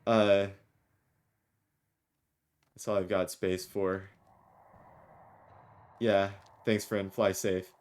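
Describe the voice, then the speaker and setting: Slow low-voiced male game streamer. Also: level tone, darkish tone. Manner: jokey, rambling, reads lines with small voices. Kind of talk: let's play commentary, reading game dialogue aloud.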